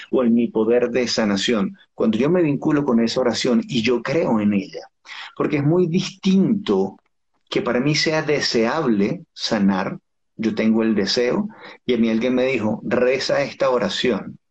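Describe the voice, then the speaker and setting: A man's voice: medium pitch, a little mellow, husky, lo-fi sound. A man as a guest expert in an interview, explaining things step by step with rhetorical questions. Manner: didactic, uses rhetorical questions.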